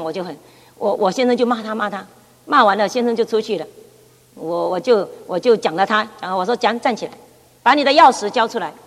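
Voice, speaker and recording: A middle-aged woman shares her personal testimony at church, with a somewhat high voice. She tells the story in a lively way and keeps repeating words as she goes. Her voice rings with the long reverb of a hall. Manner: lively storytelling with frequent repetitions. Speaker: church speaker giving testimony.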